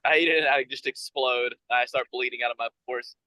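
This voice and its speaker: A man's voice: mid-range voice, fairly even intonation, brisk, sharp tone, no echo, rough recording. A man with a Southern American accent, a guest on a podcast, joking in a laid-back way and laughing often, calling in from inside an RV. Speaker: guest musician. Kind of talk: casual podcast chat. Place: inside a noisy RV.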